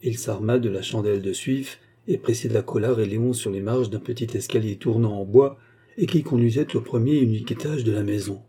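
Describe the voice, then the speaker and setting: A man reading a classic novel aloud as audiobook narration, in a measured, even delivery. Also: medium pitch, breathy edge.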